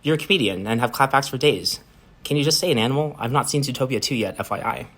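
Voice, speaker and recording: A man's voice: mid-range voice, fast, a bit bright. A man reading aloud and playing a rambling, boastful, eccentric stoner who halts on fillers. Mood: flirty.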